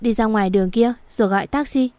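A woman's voice: on the high side, quick pace, warm tone, clear, resonant tone, no room sound, lightly acted. A woman reading a story and voicing a brusque, teasing young male master who speaks curtly and bossily. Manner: curt and bossy.

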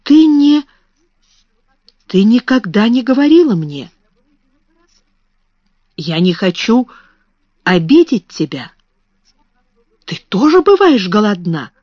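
Lady doing a shy sweet dim little girl, higher pitched, plaintive, slow, muffled dry recording. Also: very animated, dark tone, no echo. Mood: timid. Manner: timid, plaintive. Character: timid kind slow-witted young girl. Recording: dull, slightly muffled recording.

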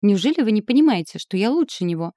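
A woman's voice: medium pitch, big pitch swings, fast, no room sound, studio quality, voice pushed up, close to an everyday voice. A woman reading the lines of an arrogant, passionate young man who boasts and threatens, in an audiobook. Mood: boastful. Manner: boastful, hoarse, forceful declarations. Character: passionate, arrogant young male suitor, turning menacing.

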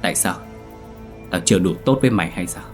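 A man's voice: low voice, quick pace, faint music behind, lightly acted. A man playing a stunned old rich man. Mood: shocked. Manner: stammering. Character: old wealthy man, stammering in shock.

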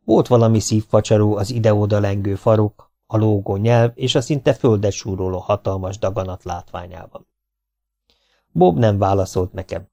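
A male audiobook narrator reads in a calm, measured storytelling manner. His voice is low and gravelly, with a dark, mellow tone.

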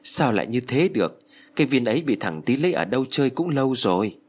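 A man's voice: medium pitch, big pitch swings, breathy edge. A man doing a tearful old grandmother. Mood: puzzled. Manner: wailing, drawn-out lament. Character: grieving elderly grandmother, tearful and lamenting.

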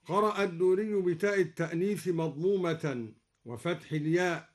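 A man with an Egyptian accent, a Quran scholar on live radio, explaining reading variants and chanting each verse slowly and melodically. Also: sits high. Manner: alternates plain explanation with slow melodic recitation. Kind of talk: explanatory talk with slow chanted Quran examples. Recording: live radio broadcast recording.

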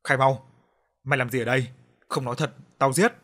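A man voicing an angry young son who shouts threats in an audiobook. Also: mid-range voice, steady tone, fairly quick, natural voice. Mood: furious. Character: hot-tempered young son, aggressive.

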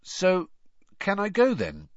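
A polite, careful teenage boy speaks up in a lighter, higher voice, as a male narrator puts him on. He tries hard to sound innocent, his pitch bouncing widely. The sound is dry and slightly muffled. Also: wildly swooping pitch, takes it slowly, dry recording, full character voice.

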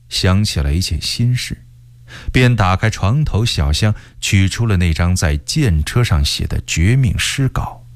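A man reading a historical novel aloud for radio in a slow, measured storytelling voice. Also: on the low side, no echo. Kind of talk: scripted narration of a historical novel. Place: radio studio.

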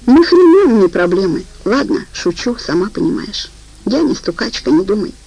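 A coarse, mocking young woman who swears freely and sounds bone-tired and scornful, as a female audiobook reader puts her on. Her voice carries a gravelly, creaky edge. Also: medium pitch, sing-song, moderate pace, dark tone, poor audio. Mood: rude, mocking.

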